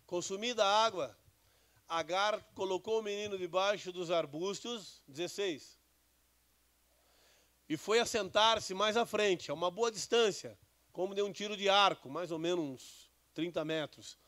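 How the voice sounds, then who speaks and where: A man's voice: high voice, a little slow, a bit bright. A man, a bishop giving a conversational sermon with Bible readings and questions to the congregation. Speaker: bishop preaching.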